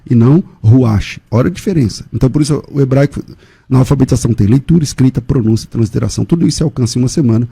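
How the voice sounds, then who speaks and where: A Brazilian man, a pastor and teacher, making a chatty radio pitch for a course, often correcting himself and speaking straight to listeners in a studio. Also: creaky, mellow, husky. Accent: Brazilian Portuguese. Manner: chatty, self-correcting, direct address to listeners.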